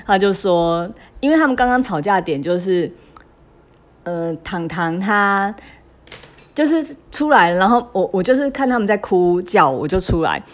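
A woman's voice: medium pitch, expressive, normal speed. A woman, telling a personal parenting story in a hesitant, confessional way, full of fillers and restarts. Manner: emotional and confessional, with laughs. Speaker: mother sharing a parenting story.

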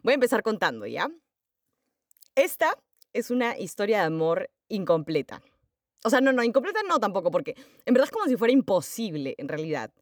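A young woman playing an excitable fan who rambles, shrieks, swears and breaks into song in an audio story. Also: medium pitch, brisk, no room sound, studio quality, close to an everyday voice. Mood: giddy fan rambling.

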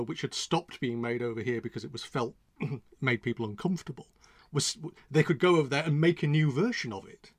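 Man, mid-pitched, from England, rambling casual chat, dry recording. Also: no echo. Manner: rambling, self-interrupting, chatty. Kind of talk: casual chat about old comedy.

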